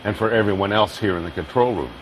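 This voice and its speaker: A male scientist gives an unscripted nature documentary interview in a fairly low voice. The location recording has clear background noise. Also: fast talker. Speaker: deep-sea research scientist. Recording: clearly noisy location sound.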